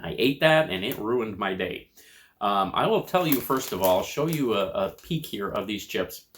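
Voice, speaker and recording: An American man giving a casual food review to camera in a measured, descriptive way, crunching and chewing chips between remarks. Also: lowish voice, animated, a bit bright, a little hiss or hum. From United States.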